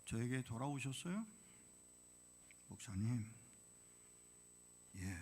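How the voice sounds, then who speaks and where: A male missionary preaching a sermon in a church, blunt and provocative with the congregation, swinging from hushed whispers to loud outbursts. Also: medium pitch, lively intonation, slow pace, a little hiss or hum. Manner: dramatic, drops to whispers then bursts out loudly. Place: church sanctuary.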